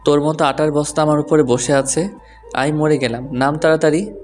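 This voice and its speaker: A man voicing a calm, stubborn young husband in an audio story who teases in a dry, level way. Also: fairly high pitch, fairly quick, soft background music, lightly acted. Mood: teasing. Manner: dry, teasing, level delivery. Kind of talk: Bengali audio story acting.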